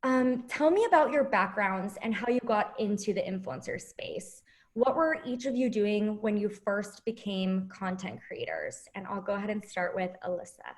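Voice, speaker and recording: A woman moderating a panel in a friendly, quick way. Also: medium pitch, expressive.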